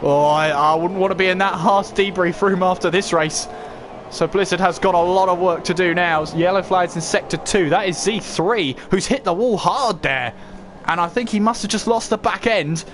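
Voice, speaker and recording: A man's voice: high-pitched, moderate pace, background noise. A man commentating live on a motor race as a motorsport commentator, calling it play-by-play and posing questions as he goes. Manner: running play-by-play with rhetorical questions.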